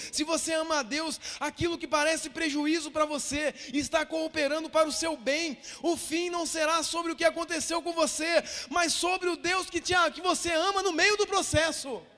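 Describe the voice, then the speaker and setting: A Brazilian pastor with a strikingly high voice preaches with fervor, repeating his lines and rising to shouts. His words ring out with a long echo across a church hall. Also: steady tone, normal speed, hardly any pauses. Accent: Brazilian Portuguese. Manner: fervent, repetitive preaching that swells to shouts. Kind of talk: sermon.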